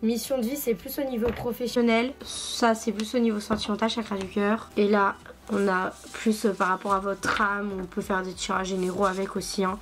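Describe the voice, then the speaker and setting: A woman's voice: mid-range voice, little pitch movement, normal speed. A woman hosting a casual vlog about her card collection, chatty and gushing, with lots of fillers and asides. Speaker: cartomancy video host.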